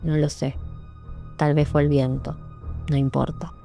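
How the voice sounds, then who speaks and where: A woman narrating an audiobook in a measured, sombre reading. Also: deep voice, level tone, vocal fry, mellow. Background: faint music.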